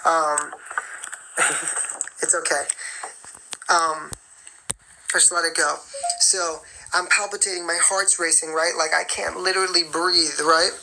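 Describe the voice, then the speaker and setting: A man's voice: fairly high pitch, fairly even intonation, slow, vocal fry, long pauses, pushed and bright, a little hiss or hum, poor audio. A man who is a singer and performer, hosting a live stream and giving a motivational talk while chewing gum. He stresses his points and repeats key phrases. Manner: chews gum while talking.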